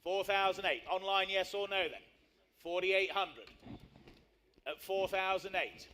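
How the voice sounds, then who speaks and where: A man's voice: high voice, measured pace, sharp tone, a little hiss or hum. A man working as an auctioneer, calling a live sale in short, repeated phrases and numbers. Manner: repetitive bid patter with short clipped phrases.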